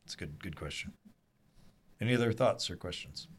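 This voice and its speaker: A man leading a small group Bible study, telling the story earnestly and lively with asides to the group. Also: sits low, fairly quick, slight background noise. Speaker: Bible teacher.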